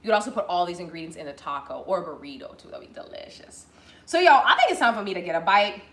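A young woman hosts a casual live cooking demo from her home kitchen, bubbling along to viewers as she assembles a dish. Her voice sits on the low side, quick and sing-song with some brightness. A fixed camera at counter distance records the echoey room with slight background noise.

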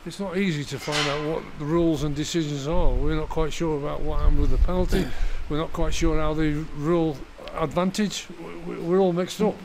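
A man interviewing a football manager after a match, asking his questions in a brisk, chatty way. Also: fairly high pitch, fairly even intonation, background noise.

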